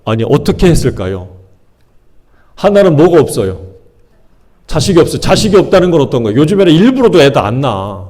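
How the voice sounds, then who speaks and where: Lively-voiced man preaching a sermon. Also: sits high. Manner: lively, conversational preaching with rhetorical questions to the congregation. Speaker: pastor.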